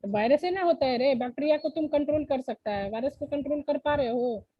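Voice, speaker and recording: A woman's voice: sits high, a little fast, no room sound, lo-fi sound. A woman teacher giving a lesson in an online class, explaining step by step and often asking the students whether they follow. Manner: explains step by step, asks checking questions.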